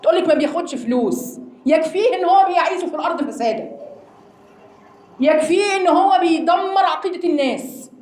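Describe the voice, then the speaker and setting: Lively Egyptian woman teaching a class. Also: extremely high pitch, fast, reverberant. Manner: animated, rhetorical questions to the class. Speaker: Quran teacher. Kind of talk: religious lesson to women.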